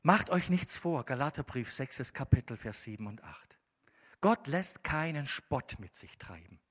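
Husky-voiced preacher man in a reverberant hall. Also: medium pitch, lively intonation. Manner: swings from quiet, measured reading to loud, impassioned emphasis. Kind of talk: sermon.

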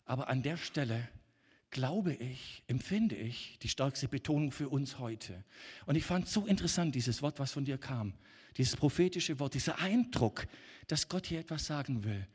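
A middle-aged man preaching a sermon as pastor, emphatic and animated with sudden loud outbursts. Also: mid-range voice, normal speed, slightly rough. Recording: long reverb of a church hall.

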